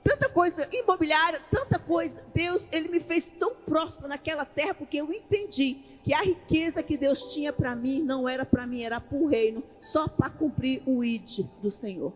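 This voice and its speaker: A woman's voice: sits high, lively intonation, moderate pace, hardly any pauses. A woman preaching a sermon in a church, building to fervent proclamation. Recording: reverberant church hall with music.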